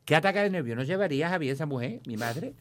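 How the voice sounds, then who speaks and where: A rapid-fire man spinning comic family stories. He talks fast and keeps jumping up in pitch to act out the people in them. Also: no echo. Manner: animated storytelling, acting out his mother in a high voice. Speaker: comic actor, guest. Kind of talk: casual anecdotes in an interview.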